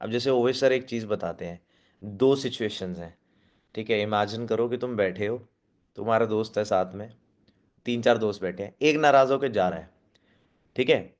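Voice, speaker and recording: A man's voice: lowish voice, moderate pace, pauses often. A man giving a spoken sales-skills training to a seated audience, coaching and often checking in with 'okay?'. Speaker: team trainer.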